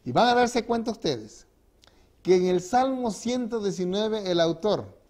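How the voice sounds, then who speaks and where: A man's voice: high voice, lively intonation, unhurried, a little mellow. A man, a pastor preaching a sermon to his congregation in a church, with emphatic rises and drops and frequent rhetorical questions. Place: church sanctuary.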